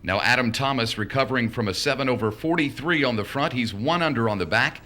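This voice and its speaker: Bright, crisp-edged male golf commentator. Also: mid-range voice, fast talker. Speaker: golf commentator, play-by-play announcer. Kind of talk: live golf play-by-play commentary.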